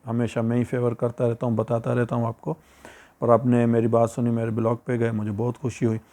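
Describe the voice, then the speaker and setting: A man's voice: medium pitch, completely flat delivery, brisk, mellow. A man with a Pakistani Urdu accent, a YouTuber giving casual, repetitive advice and talking to viewers as friends. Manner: chatty and advising, repeats points, speaks to viewers as friends.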